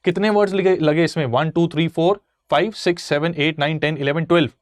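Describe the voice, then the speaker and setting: A man's voice: fairly high pitch, fairly even intonation, fairly quick, no echo, studio quality. A young man teaching exam answer writing, mixing English phrases into his speech. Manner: mixes English phrases into his speech, asks "theek hai" often. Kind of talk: explaining answer writing in a lesson.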